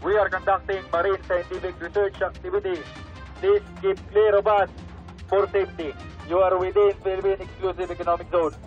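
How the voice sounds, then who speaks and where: A man on a coast guard boat at sea, reading out formal, steady warnings through a megaphone. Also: high-pitched, moderate pace, highs cut off, soft background music.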